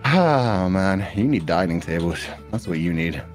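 Very deep-voiced man teasing over game music. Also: expressive, measured pace. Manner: teasing, swears a lot, laughs often. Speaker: streamer. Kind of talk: casual gaming chat.

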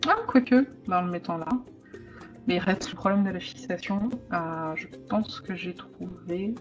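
A woman thinking aloud as she makes a card, with frequent hesitations and the odd hushed aside. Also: lowish voice, moderate pace. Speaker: crafting vlogger. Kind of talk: casual crafting tutorial. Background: background music.

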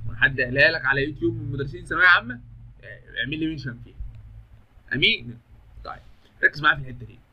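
Young Egyptian male teacher, fast and sharp-toned, chatty and jokey, answers his own questions. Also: fairly high pitch, lively intonation, highs cut off. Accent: Egyptian Arabic. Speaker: English teacher. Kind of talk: lively classroom-style grammar lesson.

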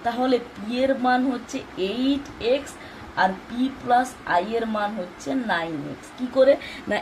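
A woman's voice: fairly high pitch, normal speed, a little mellow, slight background noise, rough recording. Woman teaching math step by step. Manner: explains step by step, asks and answers her own questions. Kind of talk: exam-focused math lesson.

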